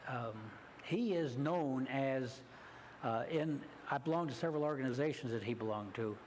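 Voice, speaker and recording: Male guest, mid-pitched, halting delivery, faint background hiss. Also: a little mellow. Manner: halting, full of hesitations. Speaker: hunter education instructor. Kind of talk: interview answers. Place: community TV studio.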